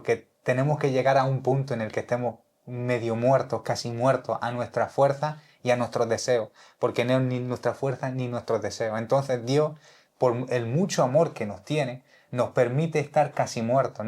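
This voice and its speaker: Male co-host; steady, reflective delivery, mid-pitched voice. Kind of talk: reflective faith talk.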